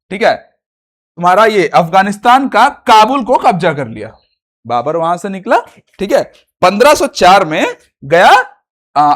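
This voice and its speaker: A young man teaching history for exam prep, his voice pitched high and swinging up and down all the time. He talks in a chatty way, keeps asking his own questions and answering them, and checks in with "theek hai" again and again. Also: a bit bright. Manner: chatty, repeats "ठीक है" often, asks and answers own questions.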